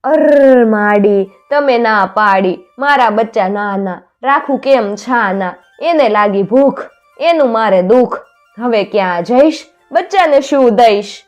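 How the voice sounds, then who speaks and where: A woman's voice: medium pitch, normal speed, a little mellow, highs cut off, soft background music, close to an everyday voice. A woman voicing a kindly, tearful female jamun tree in a storybook tale, half-chanting sing-song rhymes. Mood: sing-song lament.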